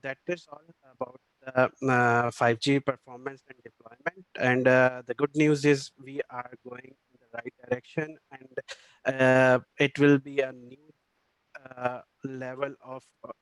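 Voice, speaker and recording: A man speaking at an online conference, hesitant and pausing often with fillers. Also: mid-range voice, little pitch movement, fairly bright tone, clear, resonant tone, no echo, poor audio.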